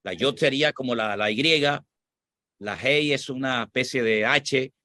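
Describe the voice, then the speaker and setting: A Spanish pastor talking through a question in a patient teaching voice of middle pitch. He repeats key phrases for emphasis. The sound is dry and close, with no room echo. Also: a little slow, sharp tone. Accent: Spanish (Spain). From Spain. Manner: explanatory, repeats points for emphasis. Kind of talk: sermon-like teaching, answering questions.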